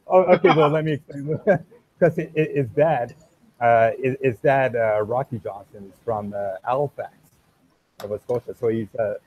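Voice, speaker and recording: A man's voice: medium pitch, normal speed, breathy edge, dull audio. A man from Canada with a slight French accent, answering questions hesitantly with many restarts. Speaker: podcast guest. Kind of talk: casual interview chat.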